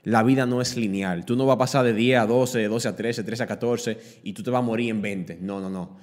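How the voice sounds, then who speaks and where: A man's voice: fairly low pitch, fairly even intonation, brisk, big-room sound. A man with a Dominican accent giving an emphatic motivational talk to camera, driving points home with repeated rhetorical questions. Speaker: motivational speaker.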